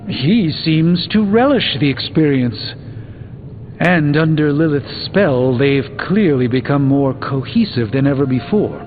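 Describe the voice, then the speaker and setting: An actor playing an erudite, proud, guilt-burdened middle-aged sorcerer doctor in a video game, speaking formally in measured, articulate phrases. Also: male voice, a little high, animated, phone-quality sound. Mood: explanatory, grave. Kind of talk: video game dialogue acting. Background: background music.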